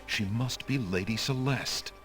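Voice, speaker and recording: A man narrating a fantasy adventure game as a solemn storyteller, in a measured, dramatic way. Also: on the low side, fairly bright tone. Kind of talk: scripted video game narration. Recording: game audio under music.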